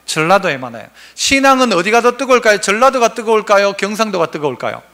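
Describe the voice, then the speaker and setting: High, bright-voiced male pastor preaching. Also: sing-song, fast. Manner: asks the congregation questions and answers them himself. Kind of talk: sermon.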